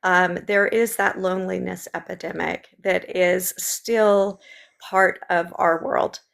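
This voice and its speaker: Speaking slowly in a low, gravelly, but fairly bright and steady voice, a Southern woman originally from Memphis, Tennessee, responds earnestly to interview questions. She is running for the state legislature, and her answers ramble in long sentences full of ums.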